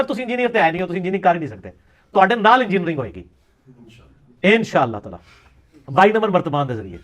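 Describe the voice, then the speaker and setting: High-voiced man lecturing sarcastically. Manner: sarcastic, mocking, lapses into Punjabi quips. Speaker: religious speaker. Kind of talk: polemical religious lecture.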